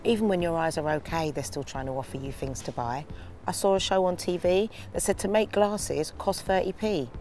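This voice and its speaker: A woman's voice: on the low side, moderate pace, dark tone, slight background noise. A woman in her forties from London, giving a testimonial of her own views. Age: 40s. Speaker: community member giving views.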